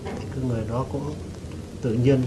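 Halting man telling a testimony. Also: mid-range voice, little pitch movement. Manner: hesitant and halting, with frequent restarts and throat-clearing. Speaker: devotee giving testimony. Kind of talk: telling a personal story to a teacher. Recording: noisy recording with rain behind.

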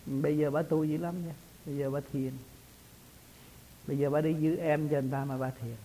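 A man's voice: a little high, little pitch movement, fairly quick, warm tone, a little hiss or hum, low-quality recording. A man, a spiritual teacher talking casually in a folksy, storytelling way and laughing often. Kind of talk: casual religious talk.

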